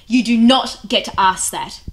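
High-voiced, fed-up young mother, played by a woman. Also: normal speed, close to an everyday voice. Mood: angry, exasperated. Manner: exasperated, confrontational. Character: fed-up, sharp-tempered young single mother. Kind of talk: naturalistic short-film acting. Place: indoors in a small house. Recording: echoey room, clearly noisy audio.

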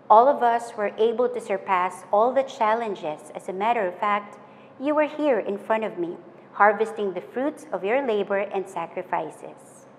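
Young woman, commencement speaker, earnest and measured, lapel mic in a reverberant room. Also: medium pitch. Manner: measured, earnest, list-like delivery. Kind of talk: formal graduation speech. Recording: hall reverb with faint noise.

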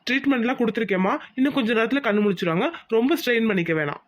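A woman voicing a calm male doctor who reassures a worried family in a cartoon. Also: fairly high pitch, racing, natural voice. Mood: reassuring. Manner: reassuring, explanatory. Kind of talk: cartoon voice acting.

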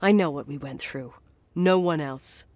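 A woman's voice: deep voice, a little slow, a little mellow, no echo. A blunt, foul-mouthed young woman. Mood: defensive. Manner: curt and swearing. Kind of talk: video game dialogue.

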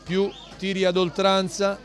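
A man giving live football commentary, dramatic and building to excited goal calls. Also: high voice, a little slow. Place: outdoor football ground. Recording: outdoor stadium with crowd and music behind. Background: crowd and music.

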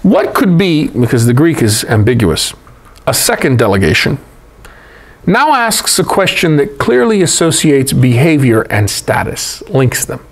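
A man's voice: mid-range voice, very animated, unhurried. A man with an American accent giving a Bible study lecture, reading passages and adding conversational asides to his listeners. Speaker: Bible teacher.

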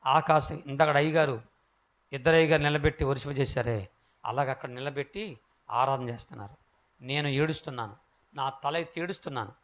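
A man giving his life testimony as a preacher, swinging from hushed, quiet passages to loud, emphatic calls to the crowd. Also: medium pitch. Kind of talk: testimony sermon.

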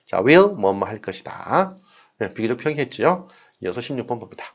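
A man's voice: mid-range voice, very animated, brisk, muffled recording. A man in his fifties explaining English exam questions in a chatty lesson, laughing often and acting out dialogue lines.

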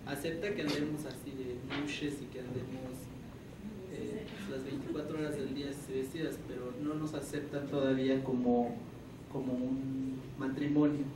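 A man from Juchitán, on Mexico's Isthmus of Tehuantepec, gives earnest testimony at a panel in a conference room, speaking at normal speed in a mid-range voice with little pitch movement. He explains patiently and repeats his key words. A far-off camera picks up the table microphone, so the sound is echoey and noisy.

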